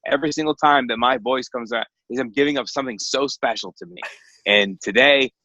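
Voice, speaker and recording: A man's voice: mid-range voice, a little fast, sharp tone, no room sound, highs cut off. A man, a professional wrestler guesting on a podcast, ranting and trash-talking in profane, rambling casual chat. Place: guest room at home.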